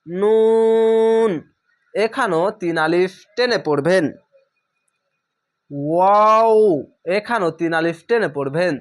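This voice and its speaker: A man's voice: sits high, animated, moderate pace. A man teaching a recorded beginner reading lesson, patiently repeating instructions and sounding out letters one at a time while checking in with his learners. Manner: speaks directly to learners with check-in questions.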